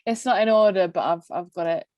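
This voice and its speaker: A podcast co-host who is half Greek, half English, with Greek as her first language, bluntly reads out messages in a casual chat, laughing often and swearing. Her lowish voice is brisk and darkish. The audio is studio quality with no room sound.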